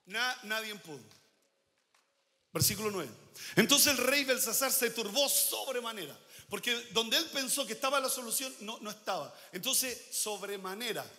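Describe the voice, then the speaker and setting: High bright-voiced man preaching in a hall. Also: lively intonation, moderate pace. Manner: emphatic preaching, swinging between loud declarations and quiet asides. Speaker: pastor. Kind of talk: sermon.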